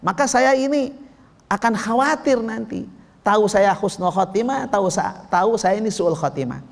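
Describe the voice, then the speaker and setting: A man doing a calm, firm pious woman. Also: high voice, normal speed, creaky. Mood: earnest. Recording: long hall reverb.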